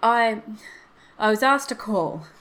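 A woman's voice: medium pitch, expressive, normal speed, natural voice. A woman voicing an ill-at-ease male messenger from a firm, hesitant and formal, in a storybook reading.

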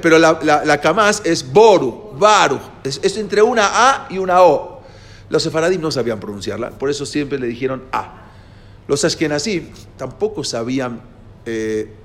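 A man teaching a lesson, explaining step by step and checking with his listeners as he goes. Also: a little high. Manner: explanatory, asks the listeners "¿no?" and "¿sí?" often, with hesitations. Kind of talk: lecture to a class.

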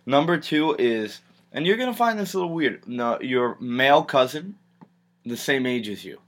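A man's voice: mid-range voice, big pitch swings, normal speed, fairly bright tone. A young man in casual chat who jokes and teases. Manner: joking, teasing banter.

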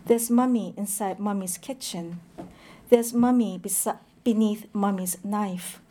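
Mellow-voiced woman reading poetry aloud. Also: mid-range voice, a little hiss or hum. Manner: slow, measured reading with short introductions full of hesitant "um"s. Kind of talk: poetry reading with brief spoken introductions.

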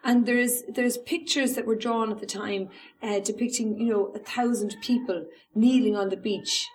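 A woman with an Irish accent telling local history as an informal storyteller, pausing hesitantly as she goes. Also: on the high side, fairly even intonation, a little mellow, poor audio.

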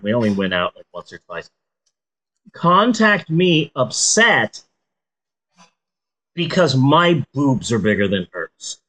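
A woman podcaster talks in a stoned, rambling way. Her low-to-mid voice takes its time and swings widely in intonation. She drops deadpan jokes and curses into loose, casual chat. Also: rough recording. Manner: deadpan joking, sweary. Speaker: podcast host.

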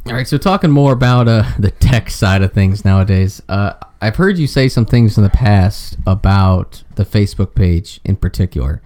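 A man hosting a podcast, asking relaxed, rambling questions. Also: fairly low pitch, normal speed, hardly any pauses. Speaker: podcast host. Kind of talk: casual interview questions.

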